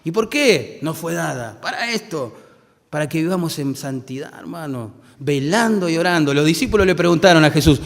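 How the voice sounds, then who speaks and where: A man's voice: fairly high pitch, expressive, normal speed, creaky, big-room sound. A man with a Rioplatense Argentine accent preaching a sermon as pastor, speaking conversationally and asking the congregation rhetorical questions. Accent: Rioplatense Spanish. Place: church hall.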